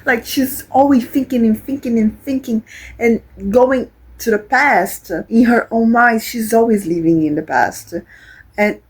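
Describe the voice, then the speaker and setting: A woman's voice: a little high, measured pace, slightly rough, poor audio. A young woman from Brazil, chatting casually about a book she is reading, rambling with many fillers and restarts. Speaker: book vlogger. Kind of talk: casual reading vlog chat.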